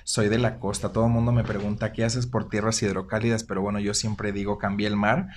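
A man's voice: lowish voice, flat delivery, brisk. A Mexican man in his thirties, a podcast guest talking casually, jokey at times and openly sentimental. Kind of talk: casual interview.

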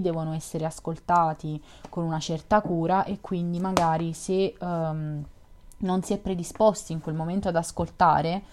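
Calm low-voiced woman reading a story. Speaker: podcast host and reader. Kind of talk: audiobook reading, then casual chat.

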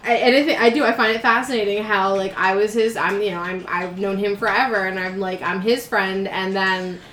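A woman's voice: medium pitch, fairly even intonation, brisk, fairly bright tone. A woman co-hosting a casual podcast chat, giggling often and rambling through restarts. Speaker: podcast co-host. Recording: echoey room with faint background noise.

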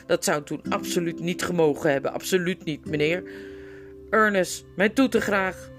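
A woman's voice: on the low side, normal speed, faint music behind, natural voice. A woman voicing an old, hard-of-hearing, irritable male dwarf who mishears everything. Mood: grumbling. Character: old deaf cranky male dwarf regent.

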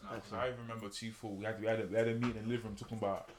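A man's voice: fairly low pitch, level tone, rapid-fire, noisy background. A young man with a London roadman accent in a casual group chat, talking in street slang and pressing his points emphatically. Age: young adult. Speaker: podcast co-host.

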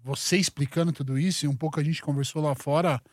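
A man's voice: on the high side, fairly even intonation, quick pace, dry recording, clean studio sound. A man with a Brazilian Portuguese accent hosting a podcast, reacting to a guest with short slangy interjections. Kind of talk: casual chat.

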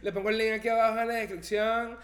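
Excitable Venezuelan comedian hosting a podcast. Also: male voice, sits high, fast. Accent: Venezuelan Spanish. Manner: joking, excitable interjections. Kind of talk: casual chat.

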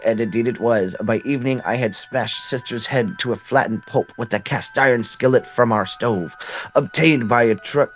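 A man plays an elderly mother recounting a terrible deed with quiet, grave pride. Her voice sits low for an old woman, and the telling is slow and steady. Faint music plays under the reading. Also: close to an everyday voice.

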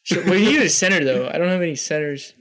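Easygoing young guy, slightly higher voice. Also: fast talker. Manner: relaxed, short remarks, casual swearing. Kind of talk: casual chat.

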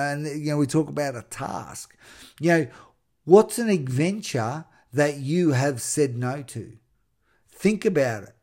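An earnest man from Australia, middle-aged, talks through his travel stories in a solo podcast. He speaks at an ordinary pitch, and he gets excited and stumbles over his words as he pushes a motivational message. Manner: earnest and excitable, with many restarts and repeated words. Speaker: podcast host. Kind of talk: motivational storytelling monologue.

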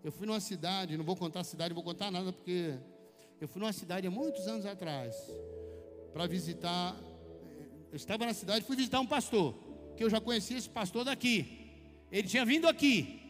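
Man, Brazilian accent, very high voice, chatty sermon storytelling, long hall reverb, faint music behind. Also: fairly quick. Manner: chatty storytelling, addresses listeners as brother. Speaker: preacher. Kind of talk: conversational sermon with personal anecdotes. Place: church hall.

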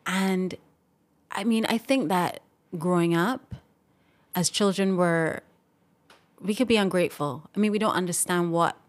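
A woman's voice: lowish voice, measured pace, pauses often. A young adult woman speaking as a podcast guest, reflective and open, laughing off moments of emotion. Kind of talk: casual interview talk.

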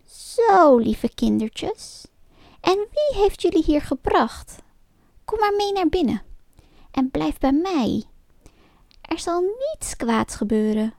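Wicked old storybook witch, shrill and high, sly and mocking, put on by a woman narrator. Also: very animated, slow pace, vocal fry, pauses often, darkish tone, no echo, clean studio sound, heavily acted. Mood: coaxing. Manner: sly and mocking, barking orders. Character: wicked old witch, cackling, greedy and scheming.

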